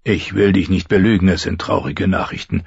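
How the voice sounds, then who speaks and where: A man growling as a gruff old commander. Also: sits low, steady tone, brisk, no room sound, muffled recording, exaggerated voice. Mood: grave. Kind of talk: audiobook reading.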